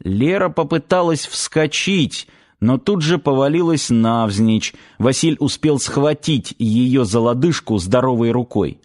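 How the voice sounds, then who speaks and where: A man's voice: medium pitch, lively intonation, unhurried, darkish tone. Man narrating a tense audiobook. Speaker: audiobook reader.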